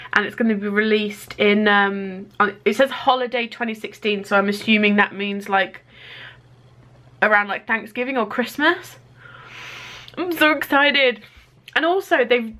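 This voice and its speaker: A young woman, talking to the camera at home in a casual daily vlog, chatty and excitable with many fillers. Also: on the high side. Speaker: vlogger. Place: at home indoors.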